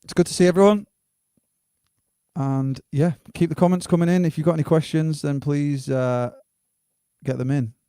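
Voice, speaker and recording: A man's voice: fairly high pitch, moderate pace, mellow, clean tone, no echo, clean studio sound. A man hosting a live music stream in a casual, blokey, matey chat style, with some swearing.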